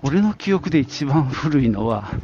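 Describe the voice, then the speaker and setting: A middle-aged man from Japan's Nagoya area hosts a podcast alone, casually reminiscing in an informal, rambling way full of little asides. His mid-range voice is warm and sing-song, a little slow. The recording sounds muffled.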